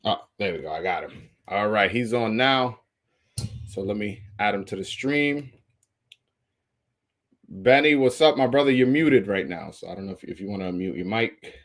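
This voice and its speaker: A man's voice: lowish voice, normal speed, pauses often. A man hosts a casual boxing interview over a livestream. He talks loosely, often repeating words and restarting his sentences.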